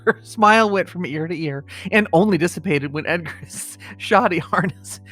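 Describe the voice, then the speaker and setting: Soft background music plays as this middle-aged comedy-podcast co-host, his voice sitting high with a sharp tone at normal speed, attempts a grave, mock-solemn reading and keeps breaking into laughter. He also slips into casual chat between readings.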